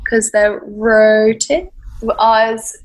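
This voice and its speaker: A woman's voice: on the high side, fairly even intonation, extremely slow, low-quality recording. A young woman chatting as a podcast guest, rambling along with many fillers and restarts. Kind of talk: casual interview chat.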